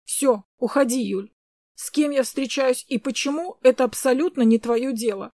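A woman's voice: sits high, normal speed, no echo, clean studio sound. Woman voicing a firm protective young man. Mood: stern. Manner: firm, calm, commanding.

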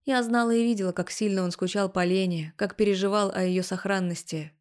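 A woman reading an audiobook as a first-person narrator. She keeps an even, steady storytelling delivery at a middling pitch. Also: brisk.

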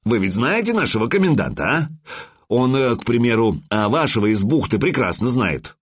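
A man voicing a shrewd customs officer who speaks slowly and deliberately with a mocking edge. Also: medium pitch, sing-song, husky. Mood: sly. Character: shrewd male customs officer, sly and unhurried.

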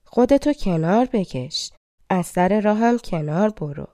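A woman's voice: medium pitch, lively intonation, mellow, no room sound, studio quality, natural voice. A woman voicing a brave young prince in a storybook reading, speaking firmly. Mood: determined.

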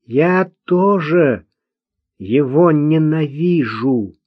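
A man's voice: on the high side, takes it slowly, no room sound, pitched above the performer's own voice. A man voicing a simple-minded, vengeful young man in an audiobook, talking bluntly and childishly. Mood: resentful. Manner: childish, blunt, hate-filled. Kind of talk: audiobook character voice. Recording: dull dry lo-fi recording.

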